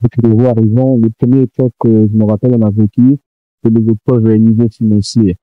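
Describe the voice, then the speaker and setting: Soft-spoken young man from Congo. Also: on the low side, level tone, brisk, clean tone, no echo, phone-quality sound, faint music behind. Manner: brief, plain answers. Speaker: guest. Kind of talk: testimony interview.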